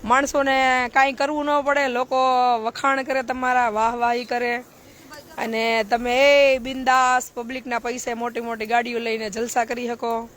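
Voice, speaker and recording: A woman's voice: on the high side, level tone, normal speed, fairly bright tone. A woman, a charity social worker giving a blunt, preachy live-stream talk full of rhetorical questions.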